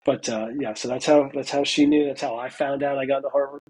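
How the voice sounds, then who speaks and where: Man, 40s, husky, mid-pitched, conversational, fillers, interview guest. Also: fairly even intonation, fast, darkish tone, poor audio. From United States. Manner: chatty, lots of "you know" fillers, acts out quoted dialogue. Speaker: interview guest, veteran student. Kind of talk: casual interview storytelling.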